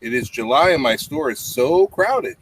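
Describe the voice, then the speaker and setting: A parent in his fifties reads a storybook aloud at bedtime, slipping in simple asides to explain things for young listeners. His fairly high voice has huge pitch swings at a normal speed. The setting is a small home room with a low tiled ceiling, and the webcam audio is clearly noisy with clicks.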